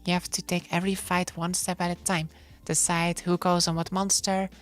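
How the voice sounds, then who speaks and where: A woman's voice: on the low side, level tone, normal speed. A woman who is a non-native English speaker, chatting casually as a streamer, telling stories with playful asides. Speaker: streamer co-hosting a podcast. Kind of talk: casual chat about online games. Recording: music behind the voice. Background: music.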